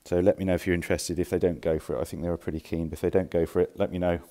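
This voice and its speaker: Low, mellow-voiced man walking through stock. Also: flat delivery, racing. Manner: chatty, informal, self-correcting. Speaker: furniture dealer. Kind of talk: casual walkthrough of stock. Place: indoor furniture warehouse. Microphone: handheld phone camera.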